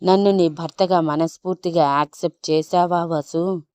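A tender young husband from an audio love story, coaxing and playful, as a woman narrator puts him on. The voice sits low and smooth, in a dry, close sound. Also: fairly even intonation, normal speed, warm tone, no room sound, close to an everyday voice. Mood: teasing.

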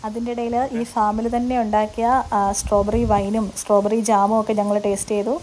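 Woman, casual vlog voice-over, quick delivery, slight background noise. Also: mid-range voice, little pitch movement, a little mellow, low-quality recording. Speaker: travel vlog host.

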